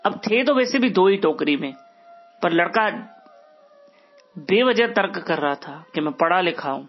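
A man's voice: high voice, animated, measured pace, breathy edge, muffled recording. A man telling a devotional moral story as a religious storyteller, earnest and preachy, full of rhetorical questions, sounding weak after illness.

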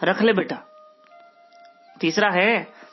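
A man's voice: high voice, slow, slightly rough, highs cut off, faint music behind, heavily acted. Man doing a shrewd village father. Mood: wry.

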